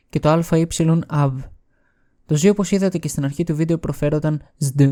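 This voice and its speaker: Male narrator from Greece, scripted, wry and explanatory, slightly high, mellow. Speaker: video essay host.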